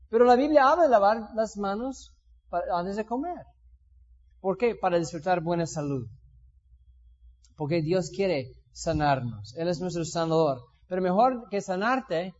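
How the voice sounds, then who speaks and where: High-voiced lively preacher. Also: male voice. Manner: lively, acts out complaining voices. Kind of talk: sermon. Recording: dull lo-fi sound.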